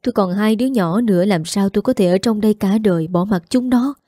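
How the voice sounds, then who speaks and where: A woman's voice: mid-range voice, fast, dark tone, no room sound, studio quality, natural voice. A woman voicing a desperate jailed young mother, begging tearfully. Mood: pleading.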